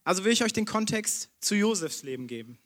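High-voiced man preaching a sermon. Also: sing-song, brisk, a bit bright. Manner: direct, conversational preaching to the listener.

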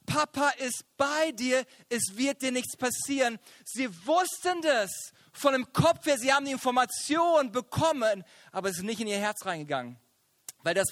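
A male preacher with a notably high voice delivers an energetic sermon. He tells stories animatedly and swings up into shouts at the peaks. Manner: animated, acts out family voices, rises to shouts. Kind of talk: lively sermon with personal story.

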